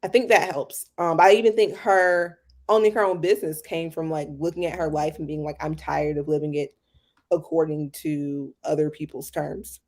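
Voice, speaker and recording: Low-voiced woman chatting casually. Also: steady tone, moderate pace, a little mellow. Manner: chatty, many fillers like "like" and "um". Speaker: podcast co-host. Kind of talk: casual chat.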